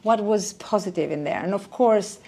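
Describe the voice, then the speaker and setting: A woman's voice: medium pitch, normal speed, vocal fry, darkish tone, breathy edge. A woman hosting an interview podcast, encouraging her guest and summing up her story before asking questions. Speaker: podcast host. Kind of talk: interview host.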